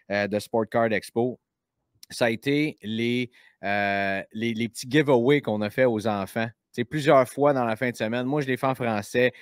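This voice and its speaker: A man with a Québécois French accent, hosting a casual chat show, lively and quick, with many fillers and restarts. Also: mid-range voice, no room sound, clean studio sound. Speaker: podcast host.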